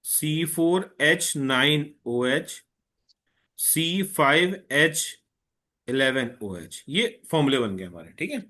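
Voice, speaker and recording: A man's voice: fairly high pitch, expressive, sharp tone. A man teaching a chemistry class online, mixing Hindi with English and often checking that students follow. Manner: patient, tells an eager student to slow down.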